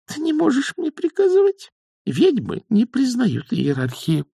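A timid young witch with a faltering, squeaky voice, pitched far above the reader's own, as a man acts her out. Her speech swoops widely up and down. It sounds close and dry, as if read straight into the mic. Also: huge pitch swings, unhurried, gravelly, mellow, husky, dry recording, exaggerated voice. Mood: stubborn.

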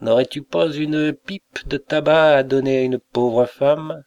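A man's voice: fairly high pitch, steady tone, measured pace, a little mellow, no room sound, highs cut off, pitched above the performer's own voice. A man reading aloud and voicing a sly, cackling old beggar woman with a drawling, nasal tone, as in a spoken storybook. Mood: wheedling. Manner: mocking, ominous.

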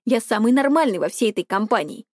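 A woman's voice: a little high, animated, quick pace, no room sound, clean studio sound. A woman voicing a spiteful, controlling teenage older brother who talks in a sneering, scornful way.

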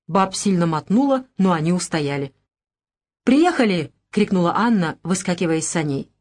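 A woman reading a literary story aloud as narrator, steady storytelling. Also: mid-range voice. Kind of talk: audiobook narration.

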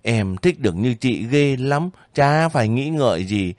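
A man voicing a lively, homesick young girl soldier who talks eagerly and breaks down in tears, in an audiobook reading. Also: mid-range voice, a little slow, no echo, natural voice. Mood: chatty. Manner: chatty, emotional, breaks into crying.

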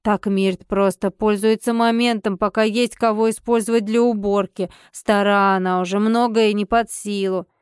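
A woman voicing a sly male household helper, telling gossip slowly and conspiratorially. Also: mid-range voice, fairly even intonation, clear, resonant tone, dry recording, clean studio sound, natural voice.

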